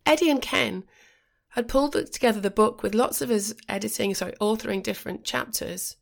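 A middle-aged woman hosts a podcast, her voice croaky and gravelly with fry as she gets over a cold. She talks in a measured, reflective way at a middle pitch, now and then restarting a phrase. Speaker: podcast host. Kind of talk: scripted podcast monologue.

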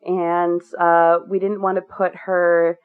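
A woman's voice: fairly low pitch, little pitch movement, takes it slowly, clear, resonant tone. A woman being interviewed as a guest, talking candidly and at length, with many fillers and restarts. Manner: earnest, rambling with many fillers. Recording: tinny phone-like line.

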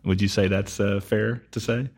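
Low-voiced man hosting a conversational interview. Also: steady tone, moderate pace, a little mellow. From Texas, United States. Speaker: interviewer and host.

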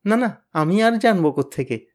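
A man's voice: high-pitched, expressive, darkish tone, voice pushed up. A man voicing a timid, sickly teenage boy who speaks meekly and in a hurry. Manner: meek, hurried.

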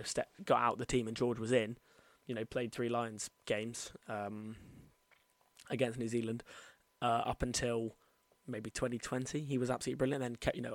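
Man with retainers in, creaky voice. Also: medium pitch, dry recording. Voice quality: slightly altered articulation from wearing retainers. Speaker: podcast host. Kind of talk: informal solo sports podcast commentary.

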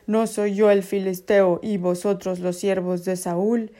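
A woman's voice: mid-range voice, flat delivery, unhurried, mellow, close to an everyday voice. A woman playing a boastful giant male warrior in a children's Bible story, calling out a challenge in declamatory reading. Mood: defiant challenge.

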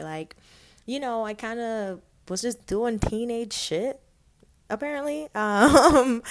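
A young woman from Guyana with a light Guyanese accent, hosting a casual podcast and telling her own story in a chatty, candid way with lots of fillers. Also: on the high side. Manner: chatty, candid, laughs often, many fillers. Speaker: podcast host.

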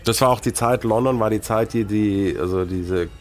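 A man in his early forties, a guest telling stories in a casual chat, with many restarts. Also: on the low side. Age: 40s. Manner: fast, animated storytelling with many restarts.

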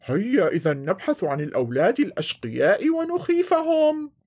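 A woman voicing a boastful but cowardly green monster with sharp teeth in a children's story, grumbling and blustering. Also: medium pitch, sing-song, a little fast, husky. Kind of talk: storybook voice acting.

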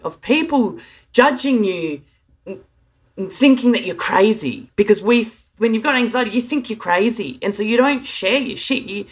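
Earnest woman speaking from the heart. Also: medium pitch. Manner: earnest, emotional, halting with frequent restarts. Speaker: speaker sharing her experience of anxiety. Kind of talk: heartfelt direct-to-camera monologue.

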